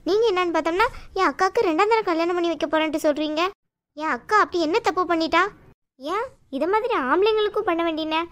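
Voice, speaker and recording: A woman voicing an outspoken young woman who fiercely defends her older sister in an animated story. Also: extremely high pitch. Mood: indignant. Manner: sharp, indignant, rapid-fire questions. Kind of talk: cartoon voice acting.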